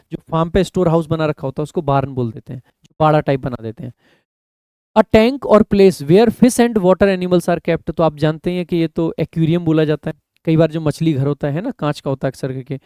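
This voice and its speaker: A man teaching an exam vocabulary lesson in a slightly raised, mellow voice. He reads English definitions slowly, then explains them chattily, calling viewers "brother" and letting his voice fall at the end of points. The sound is close and dry. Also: smooth, dry recording. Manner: drops pitch and volume at the ends of phrases; addresses viewers as "mere bhai". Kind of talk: Hindi-English online lesson.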